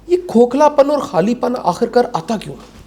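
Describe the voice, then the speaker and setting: A man hosting a conversational interview, asking long, animated rhetorical questions. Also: extremely high pitch. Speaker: talk show host.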